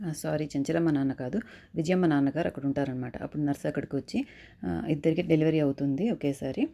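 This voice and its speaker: Woman, serial recap narration, very fast, dark mellow tone, self-correcting restarts. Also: low voice, fairly even intonation, vocal fry. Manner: hurried retelling with frequent self-corrections and restarts. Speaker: serial reviewer.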